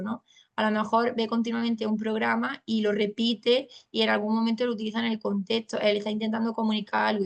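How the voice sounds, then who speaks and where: A woman's voice: on the high side, vocal fry. A woman with a Spain Spanish accent, a speech therapist explaining to parents in a colloquial, patient way. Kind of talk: family training talk.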